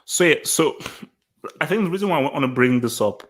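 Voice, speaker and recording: A podcast host from Nigeria and England leads a casual live-stream discussion, phrasing things deliberately and repeating them for emphasis. His voice is expressive and on the high side.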